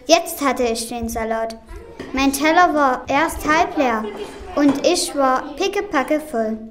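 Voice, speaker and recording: Woman, children's radio play narrator, cheeky, high-pitched, crowd in the background. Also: expressive, takes it slowly.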